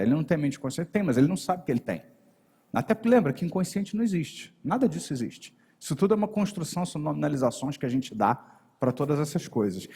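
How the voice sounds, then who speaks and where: A Brazilian man teaching a live workshop from a stage, lively and shifting his intonation as he talks straight to the audience. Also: fairly high pitch, slightly rough. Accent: Brazilian Portuguese. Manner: animated, shifts intonation to address the audience directly. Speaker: NLP and hypnosis trainer. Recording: long hall reverb on a stage voice.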